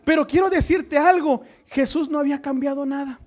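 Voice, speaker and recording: A man delivers a sermon in a strikingly high voice. He presses his points with rhetorical questions, rising loud and then dropping to a hush. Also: fairly quick. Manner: emphatic, rhetorical questions, swings between loud and hushed. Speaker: preacher.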